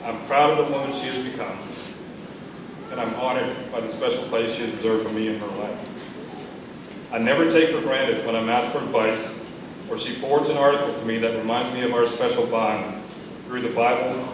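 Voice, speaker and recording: Middle-aged American male, father of the bride speech, medium pitch, sentimental with gentle humor, heavily reverberant and noisy recording. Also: steady tone, moderate pace, far from the mic. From Texas, United States. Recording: echoey room from afar, noisy.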